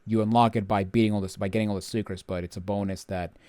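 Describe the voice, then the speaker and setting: A man's voice: lowish voice, fairly even intonation, quick pace, dark tone, no echo. A man hosting a video game walkthrough with casual, rambling, often grumbling commentary.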